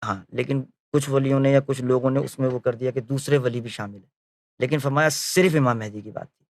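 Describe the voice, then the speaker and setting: In a steady, medium-pitched voice, a man narrates memories of a spiritual leader, bringing the quoted exchanges to life. Filler phrases and self-corrections regularly break up his story.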